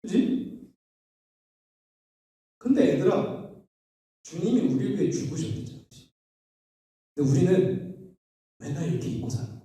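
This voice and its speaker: A man with a strikingly high, mellow voice preaches to a youth retreat, swinging his pitch widely as he tells stories and acts out scenes. He leads the listeners in call-and-response in a playful way. The sound is roomy and echoey, with the mic some distance from him. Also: sing-song, a little slow, long pauses. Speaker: pastor. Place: church hall at a youth retreat.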